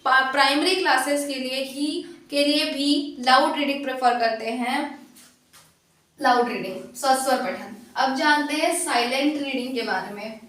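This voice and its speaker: A woman's voice: high voice, a little slow, fairly bright tone, far from the mic. A woman teacher giving an exam prep lesson, explaining step by step, repeating key terms and correcting herself as she goes. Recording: echoey room, voice set back from the mic.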